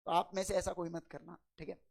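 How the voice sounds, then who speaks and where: A man lecturing an accounting class, firing quick questions at his students and addressing them in a fatherly way. He is a little unwell and talks slower than usual. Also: high voice, little pitch movement, creaky, a little mellow. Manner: quizzes the class with quick call-and-response questions; fatherly, calls students "beta". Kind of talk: classroom lecture in Hindi and English.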